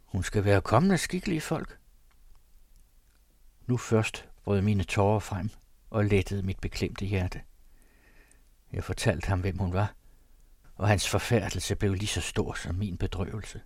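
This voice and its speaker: A man's voice: sits low, little pitch movement, darkish tone, slightly rough, no room sound. A man reading an old diary aloud in a solemn, mournful manner. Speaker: narrator. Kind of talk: scripted reading of a period diary.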